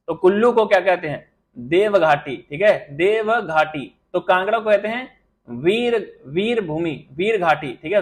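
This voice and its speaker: High-pitched guy doing a fast live quiz class, hypes up commenters, scolds em for wrong answers. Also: low-quality recording. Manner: rapid quiz-master patter, praising viewers by name; scolding, teasing tone with students. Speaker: exam coaching teacher. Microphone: live stream mic with audio glitches.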